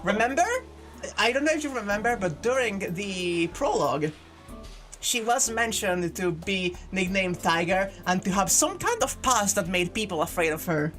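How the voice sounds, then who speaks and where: A woman's voice: mid-range voice, expressive, moderate pace, a bit bright, faint music behind. A woman streaming a visual novel, narrating it aloud and breaking into amused, sweary casual commentary.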